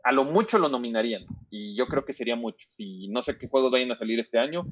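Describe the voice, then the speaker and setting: A man's voice: medium pitch, quick pace, dull audio. Slangy Mexican man, rambling chat. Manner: slangy, rambling, swears freely. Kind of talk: casual chat.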